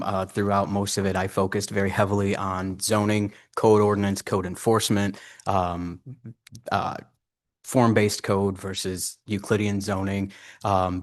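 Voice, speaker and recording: A man interviewing for a city administrator job at a public meeting, answering earnestly and at length with many fillers. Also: on the low side. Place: city commission meeting room.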